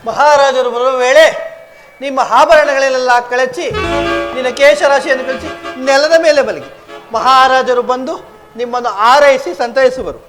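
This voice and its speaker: A man's voice: extremely high pitch, steady tone, moderate pace. A man playing a scheming old female maidservant in a village stage drama, coaxing and insistent. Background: stage music accompaniment.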